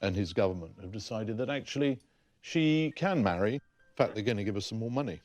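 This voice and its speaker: Low-voiced man explaining archive papers. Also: animated, a little fast, darkish tone, faint music behind. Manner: explains documents, emphatic. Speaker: historian. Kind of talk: explanatory interview.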